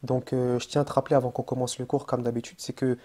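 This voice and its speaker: A man's voice: medium pitch, little pitch movement, quick pace, warm tone. A man teaching an online Arabic lesson in French, chatty and informal, with many fillers and restarts. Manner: addresses the viewer informally as "tu". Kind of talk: casual online language lesson.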